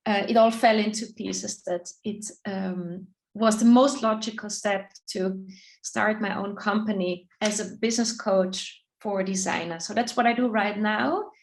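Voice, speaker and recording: A middle-aged woman from Austria with an Austrian accent, a business coach answering interview questions thoughtfully, with many pauses and restarts. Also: mid-range voice, fairly even intonation, rough recording. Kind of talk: casual interview, video call.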